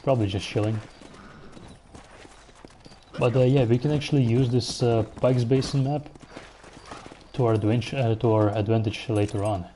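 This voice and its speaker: A man talks through his game in a live stream, relaxed and unhurried. His voice is soft and mellow at a middling pitch. Faint game sounds of horses and outdoor ambience run behind him. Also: slight background noise. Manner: relaxed, musing aloud while playing, answering chat. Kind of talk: casual gameplay commentary.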